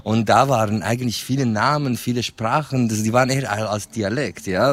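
A man from Iranian Kurdistan, a native Kurdish speaker, talking as an artist on a panel in a thoughtful, halting way that repeats words. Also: mid-range voice. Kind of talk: casual panel talk.

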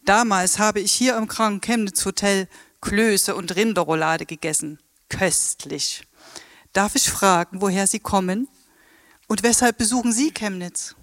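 A woman's voice: medium pitch, measured pace, fairly bright tone, no echo. Lady doing a very polite japanese tour guide, formal, dry studio sound.

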